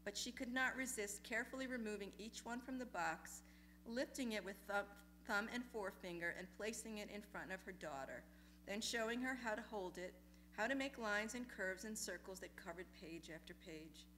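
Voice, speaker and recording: A woman reading personal essays aloud in a lecture hall, measured and deliberate, letting phrases linger. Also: mid-range voice, bright, forceful tone, a little hiss or hum. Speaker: essay reader at a memorial reading.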